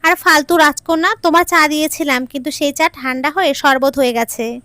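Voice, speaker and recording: A sharp-tongued mother scolding her lazy daughter with sarcasm, as a woman narrator puts her on. The voice is raised, high and loud. The recording is dry, with nothing behind it. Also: expressive, normal speed, no echo. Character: scolding middle-aged mother.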